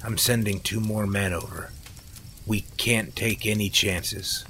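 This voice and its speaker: A man's voice: fairly low pitch, fairly even intonation, a little slow, sharp tone, a little hiss or hum. A man voicing a ruthless, greedy ringleader who talks in a cold, calculating way. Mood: scheming.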